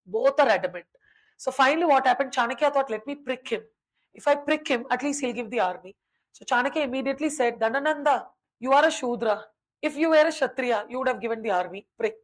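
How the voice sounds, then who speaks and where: A woman's voice: sits high, rough recording. A woman history teacher, telling a story in a lecture and acting out the characters' dialogue.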